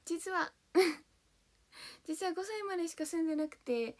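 This is a young woman with a very high, slightly mellow voice who speaks slowly. Chatting casually on her livestream as an idol, she's bubbly and giggly while reading out and thanking viewers' comments one after another. She is from Kanto, Japan, with Hiroshima as her birthplace.

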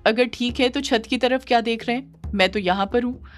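An affectionate, teasing young woman, put on by a female narrator in an audio story. She coaxes gently and playfully, with faint music in the background. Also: mid-range voice, lively intonation, normal speed, close to an everyday voice. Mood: tender coaxing. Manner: tender, coaxing, playful.

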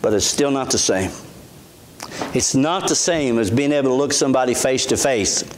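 A man's voice: mid-range voice, animated, moderate pace, a little hiss or hum. A middle-aged man, a pastor giving a sermon in a church sanctuary on a lapel mic, speaking earnestly in a conversational way with frequent restarts.

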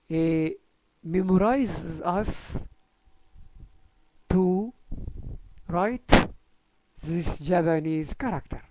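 A man with an Egyptian Arabic accent teaching a language lesson, patiently repeating syllables aloud and slowly spelling out words. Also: sits high, a little mellow, slight background noise, rough recording.

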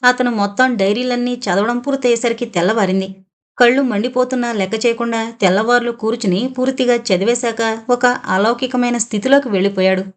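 A woman narrating a suspense audio novel in a steady storytelling reading. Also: fairly high pitch, a little fast. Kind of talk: scripted narration.

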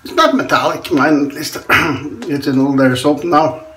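A Norwegian man in his forties chats casually while shaving in a small tiled bathroom, chuckling often between remarks, with the camera close in front of him. His accented voice is on the high side and fairly bright, with fairly even intonation and a moderate pace.

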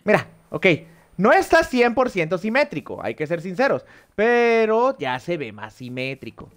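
Speaking in a high-pitched, very animated voice at a moderate pace, a young Mexican-accented man streams a game on his headset from a small room at home. He chats casually with viewers, thinking aloud and dropping light swears.

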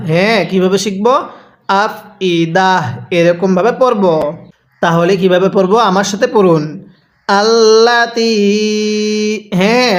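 A man with a Bangladeshi Bengali accent teaching Quran reading, spelling out letters and vowels one by one and drawing out the recitation slowly and patiently. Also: high voice.

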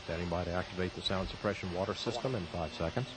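A man giving hushed space launch commentary in a measured, terse, matter-of-fact way. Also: low voice. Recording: clearly noisy old broadcast audio.

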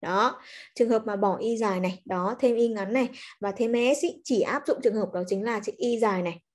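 A woman's voice: a little high, a little fast. A woman English teacher, giving a chatty livestreamed grammar lesson and coaxing students with frequent check-ins. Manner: chatty, coaxing, peppers speech with "ok" and "nhá".

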